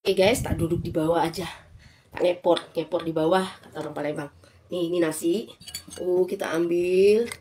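An Indonesian woman in her thirties, a mukbang vlogger, chats casually to her viewers from her living room, recorded on a phone held at arm's length. Her voice is on the low side, warm and slightly rough, with fairly even intonation and a moderate pace.

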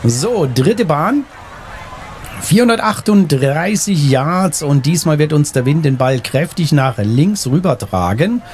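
A man's voice: fairly high pitch, lively intonation, slow, darkish tone, slight background noise. A man hosting a casual let's play, thinking aloud as he plays. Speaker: gaming video host. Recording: faint game ambience behind. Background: faint game ambience.

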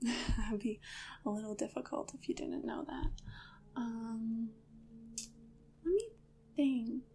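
A friendly female shoe store clerk speaks in a hushed, gentle whispered role-play, as a woman puts her on. Her tone is mellow and slightly high, and she takes her time. Faint room ambience sits underneath. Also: steady tone, takes it slowly, slight background noise. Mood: gentle, helpful. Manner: soft, gentle and attentive, with quiet laughs.

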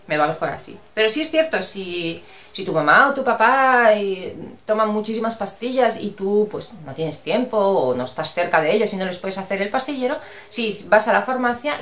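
A chatty, affectionate middle-aged woman from Spain, casually answering her viewers, with a Spanish accent that slips into Andalusian at times. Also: medium pitch. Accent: Spanish from Spain, with Andalusian touches. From Barcelona, Spain. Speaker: vlogger answering viewer comments. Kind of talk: casual chat. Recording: roomy echo.

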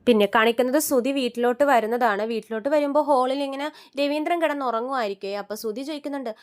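A high-pitched woman races through a recap of a TV serial episode. She talks quickly and tells the story in an animated way, slipping the characters' dialogue into her narration. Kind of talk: rapid retelling of a TV serial episode.

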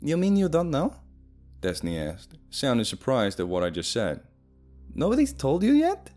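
A man voicing an anxious young woman who pleads gently and rises high in pitch. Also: wildly swooping pitch, moderate pace, faint music behind. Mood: explaining.

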